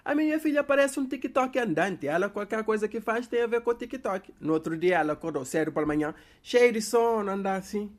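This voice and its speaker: A man's voice: sits high, expressive, a little fast, few pauses. A man from Cape Verde with a Cape Verdean accent, telling a comic story about his daughter straight to his viewers in a chatty way. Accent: Cape Verdean Portuguese. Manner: chatty, addresses viewers directly. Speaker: comedy creator.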